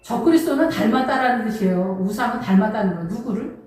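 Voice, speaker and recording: A woman's voice: fairly high pitch, animated, quick pace, a little mellow. A woman pastor preaching a sermon, emphatic and conversational, full of rhetorical questions. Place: church. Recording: distant mic in an echoey church hall.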